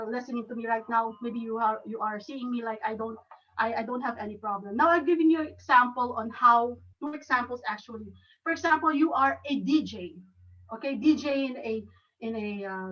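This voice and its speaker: A woman with a Filipino accent giving a club talk on speaking, halting and restarting often. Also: fairly high pitch, a bit bright, recorded from a distance, highs cut off. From Philippines. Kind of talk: educational talk.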